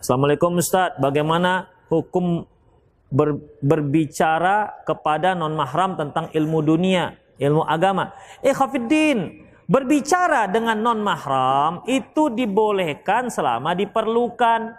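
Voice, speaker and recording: A man from Indonesia leads an Islamic study session, reading out questions and answering them. His voice sits high for a man. He is lively and playful, and now and then he acts out little everyday exchanges. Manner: lively, mimics people in quick asides, laughs along. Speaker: ustadz giving a religious study session.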